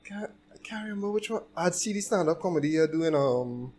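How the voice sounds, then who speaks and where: Trinidadian man, relaxed joking podcast guest, mellow voice, faint hiss behind. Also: fairly high pitch, brisk. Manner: laid-back, joking, slangy. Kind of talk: casual podcast chat.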